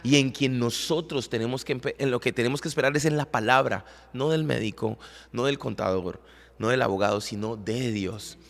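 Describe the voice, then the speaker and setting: A man's voice: medium pitch, normal speed, creaky, big-room sound. A man co-hosting a podcast, earnestly telling a personal faith story with emotion, often repeating and restarting words. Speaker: podcast co-host, worship leader. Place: recording studio.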